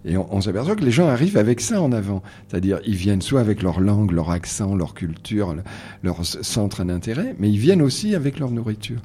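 A man with a low, dark voice and a husky edge, his pitch rising and falling a lot. He hesitates and restarts often in relaxed radio chat. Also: fairly quick, slight background noise. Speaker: guest, organizer of book readings. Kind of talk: radio conversation.

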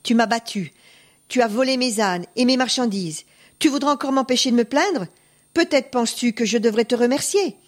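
A woman's voice: fairly high pitch, sing-song, moderate pace, voice pushed up. A woman voicing a poor, honest male peasant who pleads and protests his wrongs. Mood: indignant.

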